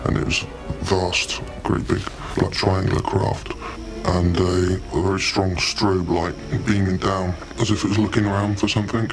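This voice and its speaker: Man, disguised voice, deep and flat, halting recollection, music underneath. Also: low-quality recording. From Britain. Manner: halting, uneasy recollection with restarts. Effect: voice disguised, pitched down. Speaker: former soldier recounting a sighting. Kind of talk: documentary interview.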